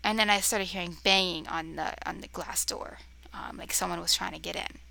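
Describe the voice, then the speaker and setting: Young woman rambling spooky stories on a cheap camera mic, bright and kinda gravelly, lots of ums, keeps dropping to a whisper. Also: on the low side, fairly even intonation, fairly quick. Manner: rambling, many fillers, often drops to a whisper; easily distracted, talks to her cat. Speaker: vlogger. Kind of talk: casual storytelling to camera. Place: bedroom near a road, windows open.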